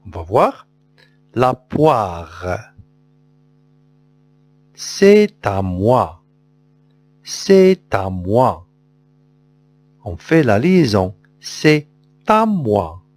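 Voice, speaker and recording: A man with a Moroccan accent leads a phonics lesson for young pupils, drilling sounds one by one. He speaks slowly, with a lively, swooping pitch that rises and falls on each word. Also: no room sound, soft background music. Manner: slow, deliberate drilling with repetitions. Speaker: teacher.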